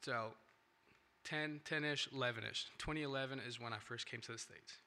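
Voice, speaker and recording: This church speaker is a bright-voiced young Indian man talking at normal speed in a medium pitch, sharing his testimony via a handheld or stand mic. English is not his first language. He speaks earnestly but rambles, restarting often and ending phrases with "right?"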